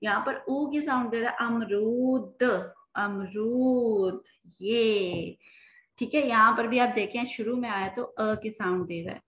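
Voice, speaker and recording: A woman with a Pakistani Urdu accent teaching children the alphabet, drawing out words slowly and asking them questions. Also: on the high side, fairly bright tone, roomy sound, rough recording. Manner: slow, drawn-out sounding of words; asks rhetorical questions to children.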